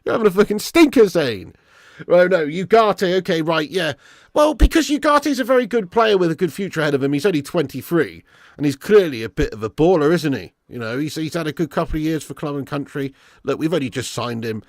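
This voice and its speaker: A British man doing live football watch-along commentary and chatting casually with viewers in an animated, blokey, sweary, matey way. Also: fairly high pitch, fairly quick, no room sound. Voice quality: raspy, smoker's laugh.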